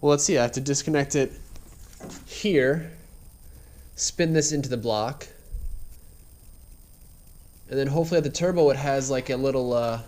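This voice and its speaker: This man talks at a moderate pace and pauses often, his medium-pitched voice darkish in tone and congested, slightly nasal. He casually explains his car build as he works in a garage, rambling and relaxed with plenty of filler, heard through a head-mounted action camera mic.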